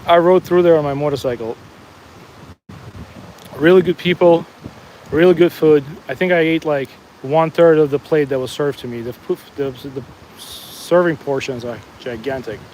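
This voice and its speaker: This fishing livestream host, a man from New Jersey by his accent, strolls the bank chatting with viewers and answering comments with many restarts. His voice is fairly high and a little mellow at a moderate pace, and the rough recording carries slight background noise.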